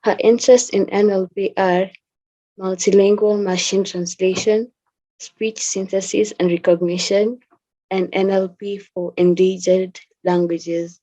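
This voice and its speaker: Mellow-voiced woman hosting a talk. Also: mid-range voice, little pitch movement, measured pace, highs cut off. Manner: formal, scripted. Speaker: host. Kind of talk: reading an introduction.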